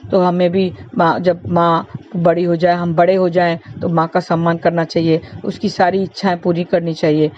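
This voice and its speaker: A woman's voice: lowish voice, level tone, normal speed, hardly any pauses, a little mellow, muffled recording, slight background noise. A woman telling a devotional moral story in an earnest, repetitive, preachy way.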